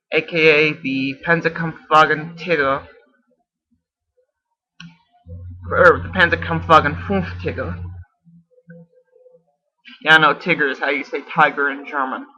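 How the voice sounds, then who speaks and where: Casual male video responder, bright piercing tone, rambling and self-correcting, muffled lo-fi mic. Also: on the high side. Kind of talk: casual explaining to camera. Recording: dull lo-fi camera audio.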